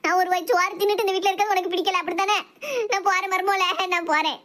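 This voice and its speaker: A woman's voice: steady tone, very fast, fairly bright tone. A woman voicing a scolding, self-pitying older mother-in-law in a cartoon, with a Thoothukudi Tamil accent and a wailing, nagging way of talking. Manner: shrill nagging, wailing complaints. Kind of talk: cartoon voice acting.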